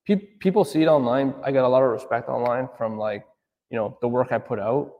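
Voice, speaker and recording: This thirties-aged auto detailer and business owner talks loosely in an interview, wandering off track, leaning on fillers and often asking "right?" He speaks a little fast in a mid-range voice. The audio has a big-room sound with the highs cut off.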